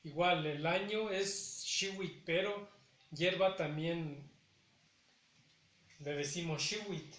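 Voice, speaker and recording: Man, slow deliberate lesson, slightly high voice, echoey room. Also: fairly bright tone. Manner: careful, repeats each word twice for pronunciation; hesitant fillers between phrases. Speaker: Nahuatl language teacher. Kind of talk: slow spoken language lesson.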